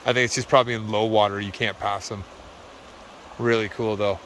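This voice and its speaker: A man's voice: on the low side, steady tone, a little fast, a bit bright, slight background noise. A man vlogging on a canoe trip, talking casually with fillers while tired, recorded outdoors on a handheld camera. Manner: easygoing, rambling, with fillers and laughs. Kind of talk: casual outdoor vlog narration. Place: outdoors on a wilderness lake and river trip.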